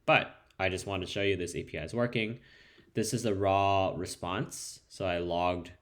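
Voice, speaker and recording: Low-pitched and speaking at a normal speed with fairly even intonation, this developer demos code in an informal screen-share tutorial. He's a native Spanish speaker. His talk is relaxed, peppered with fillers and frequent restarts.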